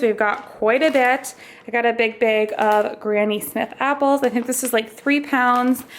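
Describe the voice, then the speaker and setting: A young woman talks through her groceries in a casual, upbeat vlog style, scattering "like" and "um" as she goes. Her voice sits a bit high for a woman, and she sounds slightly short of breath. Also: fairly bright tone. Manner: chatty, upbeat, lists items with fillers like "like" and "um". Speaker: vlogger. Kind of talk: casual grocery haul narration.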